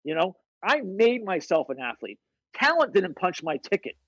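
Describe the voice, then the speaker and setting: Brief: male fitness coach guest, husky and fairly high voice, swears freely, tells punchy stories. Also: normal speed, no echo, rough recording. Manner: blunt, profane, animated storyteller. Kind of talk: casual interview storytelling.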